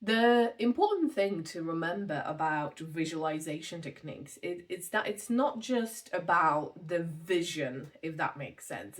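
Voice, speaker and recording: Gentle woman mindfulness teacher, lowish voice. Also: far from the mic. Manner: gentle, measured, with soft fillers. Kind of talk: calm explanatory talk on meditation.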